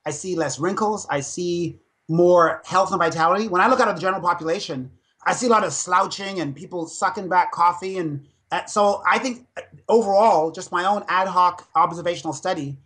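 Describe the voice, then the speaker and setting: A man's voice: sits high, a little fast. A man in his fifties, a dentist and fitness speaker, telling stories with energy in a podcast interview. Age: 50s. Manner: animated storytelling, energetic.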